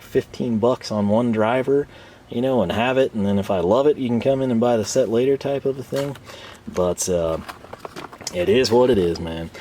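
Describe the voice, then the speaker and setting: The host of a tool review channel gives a casual, unscripted product review, rambling conversationally with some self-deprecation. His medium-pitched, warm voice sounds tired and is starting to give out, with slight background noise.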